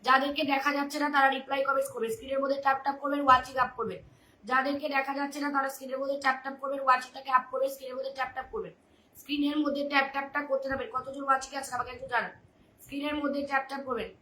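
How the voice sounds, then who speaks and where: A woman hosts a live stream, talking fast and repeating the same urgings again and again between lists of viewer names. Her voice is high and bright. The sound is roomy and echoey, with a faint hiss behind it. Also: flat delivery. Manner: rapid repetitive urging of viewers, reading out names. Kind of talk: live stream audience chat. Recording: echoey room with faint noise.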